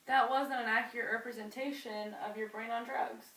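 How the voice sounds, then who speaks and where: A woman's voice: a little high, fairly even intonation, fairly quick, creaky, a bit bright, rough recording. A young woman acting in a scripted school skit, patiently explaining step by step.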